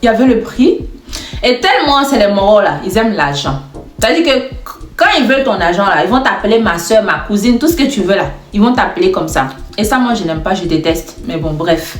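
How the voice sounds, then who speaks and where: A woman telling a comic storytime, chatty and animated as she acts out the dialogue. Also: mid-range voice, fairly quick, faint music behind. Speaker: storyteller, content creator. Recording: echoey room.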